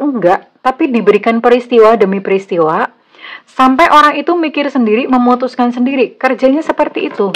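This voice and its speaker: A woman with an Indonesian accent gives a casual tarot reading straight to her viewer. She talks in a chatty, blunt way at a middling pitch and slips English phrases into her sentences. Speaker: tarot reader.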